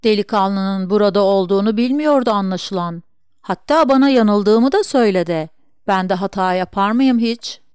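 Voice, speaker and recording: A woman's voice: mid-range voice, normal speed, a little mellow, smooth, no echo, studio quality, close to an everyday voice. A woman voicing a gossipy, proud middle-aged sister in an audiobook reading, with eager, insistent chatter. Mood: self-satisfied.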